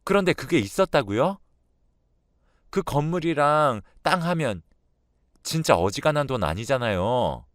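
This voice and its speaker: A man's voice: medium pitch, big pitch swings, measured pace, pauses often, fairly bright tone, no room sound, clean studio sound, voice pushed up. A man voicing a middle-aged daughter-in-law who angrily confronts her mother-in-law, talking in a raised, pleading voice in a radio drama. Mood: indignant.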